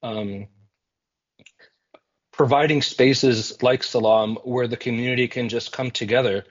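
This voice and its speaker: A man of ordinary pitch gives earnest remarks at a civic meeting, measured and thoughtful, with many ums and uhs. The sound is somewhat dull and muffled, as if the recording loses its highs. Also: steady tone. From United States. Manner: earnest, measured, with frequent fillers. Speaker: community center representative.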